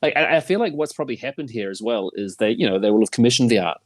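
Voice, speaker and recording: A man's voice: medium pitch, rapid-fire, no room sound. A man, a guest chatting casually on a podcast and telling jokey stories. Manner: jokey, animated storyteller.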